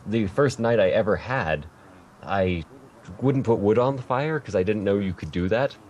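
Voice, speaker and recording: A man's voice: lowish voice, animated, normal speed, a little mellow, lo-fi sound. A man hosting a podcast interview, chatting casually and rambling a little, correcting himself as he goes. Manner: rambling, self-correcting, light laughter. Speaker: podcast host.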